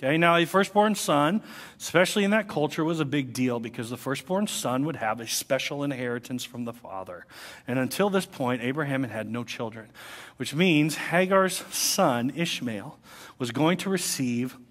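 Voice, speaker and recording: A man's voice: mid-range voice, normal speed. A male pastor preaching a sermon, telling a story with energy and acting out the people in it. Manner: animated storytelling, acting out voices. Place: church sanctuary. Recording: long church hall reverb.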